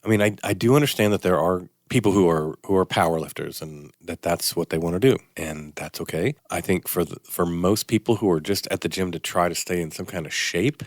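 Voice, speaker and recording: Speaking a little fast and with few pauses, this low-pitched older man is an orthopedic surgeon hosting a casual Sunday morning radio health show. He rambles in a self-deprecating way with a slight sniffle, and the studio audio is clean with no room sound.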